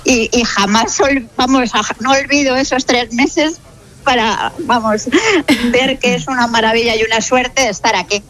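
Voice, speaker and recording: A woman tells a personal story on a radio show, recorded in a studio. Her voice is a little high, and she speaks in a reflective way. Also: steady tone, normal speed, fairly bright tone, poor audio. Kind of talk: casual chat.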